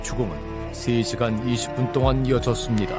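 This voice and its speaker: A man giving measured, suspenseful scripted narration for a documentary. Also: medium pitch. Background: music.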